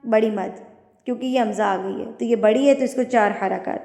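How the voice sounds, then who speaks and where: A woman's voice: on the high side, creaky, warm tone. A woman teaching Quran recitation rules, patiently explaining each point. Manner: explains patiently, then recites slowly and drawn out. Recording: echoey room with long reverb.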